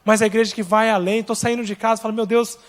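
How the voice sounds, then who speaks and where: A male Brazilian pastor preaching with a Brazilian accent, telling a story and acting out its dialogue, swinging between hushed and loud. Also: high-pitched, steady tone, fast talker, big-room sound. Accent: Brazilian Portuguese. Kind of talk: sermon. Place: large church hall.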